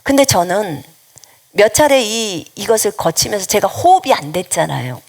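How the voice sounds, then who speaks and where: A woman's voice: mid-range voice, very animated, moderate pace, vocal fry. A woman missionary preaching a sermon, giving earnest personal testimony with an emphatic, repetitive cadence. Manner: earnest testimony, dropping at times to a hushed, near-whispered voice.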